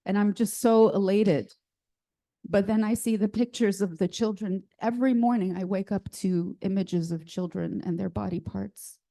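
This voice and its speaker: A woman speaks to a church congregation as guest speaker, her voice warm and mellow. She is emotional and close to cracking, and her talk comes out heartfelt and halting, with many fillers as she pushes on. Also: mid-range voice, creaky. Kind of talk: speech to a congregation. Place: church service, in person.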